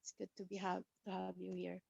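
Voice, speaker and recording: A woman from the Philippines, a sociology master's student, introducing herself softly on a video call. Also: on the low side, completely flat delivery, brisk, creaky, slightly rough, no echo, lo-fi sound. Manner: soft and quiet.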